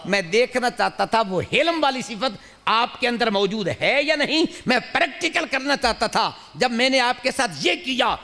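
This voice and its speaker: Indignant man demanding his debt back, high voice, in a sermon retelling, put on by a male preacher. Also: expressive, sharp tone, full character voice. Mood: earnest. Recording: long hall reverb.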